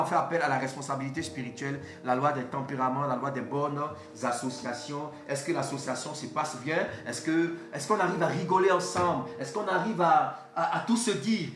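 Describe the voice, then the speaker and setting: Preacher guy, fairly high voice, fires off questions, echoey church, bit of music. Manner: animated, rhetorical questions, repeats words. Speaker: pastor. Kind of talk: sermon. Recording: echoey hall, faint music.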